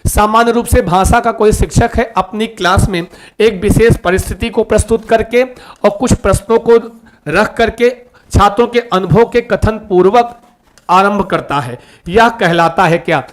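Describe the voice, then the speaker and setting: A man teaching a live online class. He talks in a lively, coaxing way, repeats key terms and keeps asking his students to answer. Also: sits high, moderate pace, slight background noise.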